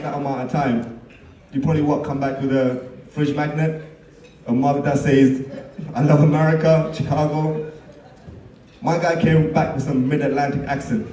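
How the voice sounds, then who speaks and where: Guy doing a jokey best man speech, mellow voice, roomy hall, a bit far off. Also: on the high side, normal speed. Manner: teasing storyteller, laughs at his own jokes. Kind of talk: joking wedding speech. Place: wedding reception hall. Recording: echoey hall, mic at a distance.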